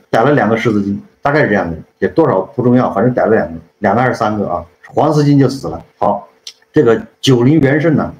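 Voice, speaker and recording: A man's voice: mid-range voice, darkish tone, a little hiss or hum. A man casually retelling a classic story as a channel host, rambling and often correcting himself while checking in with the listener. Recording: roomy, dull lo-fi sound.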